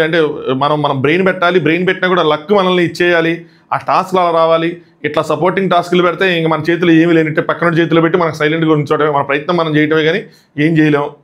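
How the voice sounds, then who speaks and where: Fast-talking, high-voiced man reviewing a show. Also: a bit bright. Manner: rapid, chatty recap mixing in English words; acts out quoted lines from the show. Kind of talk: casual commentary.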